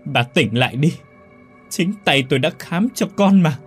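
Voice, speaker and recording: A man's voice: a little high, animated, normal speed, husky, faint music behind, voice pushed up. A man voicing a terrified older father who stammers and repeats his words. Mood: shaken protest.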